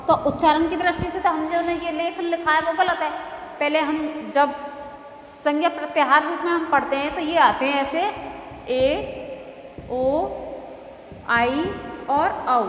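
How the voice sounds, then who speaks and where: Female lecturer, high voice, roomy hall sound, patient and repetitive delivery. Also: fairly bright tone. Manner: explanatory, repeats key phrases slowly. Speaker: teacher-training lecturer. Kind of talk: classroom lecture. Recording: echoey hall with faint noise.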